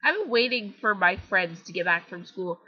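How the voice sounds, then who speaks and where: At a moderate pace and in a mid-range voice, a Canadian teenage girl with a Canadian accent chats through her gameplay, rambling and making fun of herself. The casual commentary comes from a slightly dull lo-fi home recording.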